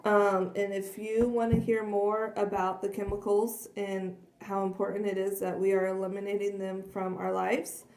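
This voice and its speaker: A woman demonstrating cleaning cloths in a casual, earnest way, a little hoarse from losing her voice. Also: mid-range voice, monotone, moderate pace, few pauses, darkish tone. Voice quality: frequent throat clearing and coughs. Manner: chatty, earnest, many fillers. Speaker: product demonstrator. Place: kitchen at home. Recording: echoey room.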